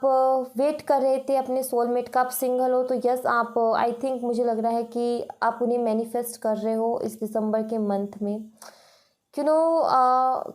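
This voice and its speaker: A woman's voice: a little high, darkish tone. A woman giving a reassuring tarot reading, mixing English phrases into her talk. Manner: mixes English phrases into Hindi, says "you know" and "thik hai" often; reassuring, advising. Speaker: tarot reader.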